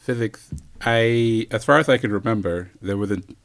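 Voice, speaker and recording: A man in his thirties from Senegal, answering interview questions in an easygoing way, pausing with fillers and chuckling often. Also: lowish voice. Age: 30s. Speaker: interview guest, physicist.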